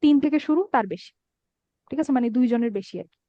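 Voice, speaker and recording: A woman's voice: high voice, fast talker, warm tone, no room sound. A woman teaching an online Arabic grammar class, patiently checking that students follow. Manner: patient, checks understanding often. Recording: dull dry lo-fi sound.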